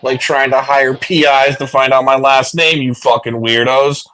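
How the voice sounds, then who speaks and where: A man's voice: medium pitch, level tone, moderate pace, bright, forceful tone. A man on an online voice chat panel, rambling and swearing as he argues his point with many restarts. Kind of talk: casual heated panel talk.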